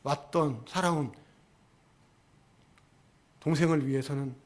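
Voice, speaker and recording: A pastor voicing an angry, resentful elder son. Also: male voice, on the high side, takes it slowly, voice pushed down. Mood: indignant. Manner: angry, complaining, demanding. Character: indignant resentful elder brother, grown son.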